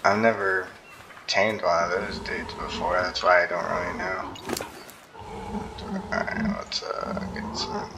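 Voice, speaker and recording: A tired man rambles through casual gameplay commentary in a deep, gravelly voice. He talks slowly, filling gaps with ums and yawns. There is a steady hiss of noise behind him. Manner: laid-back, rambling with many ums. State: tired and yawning. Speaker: gaming YouTuber.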